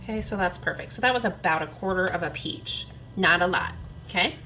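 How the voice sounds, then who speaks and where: A woman's voice: on the low side, fairly quick, sharp tone, faint music behind, poor audio. A woman hosting a home cooking demonstration in her kitchen, chatty and self-deprecating as she talks through each step while working. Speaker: cooking channel host.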